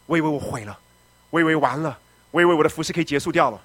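A middle-aged man, a pastor giving a testimony sermon, telling his story dramatically and moving between loud shouting and quiet, low speech. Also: rapid-fire, no room sound.

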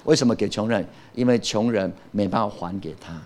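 A man's voice: on the low side, fairly quick, a little mellow. A man preaching a sermon as pastor, emphatic, often asking the congregation a question and answering it himself.

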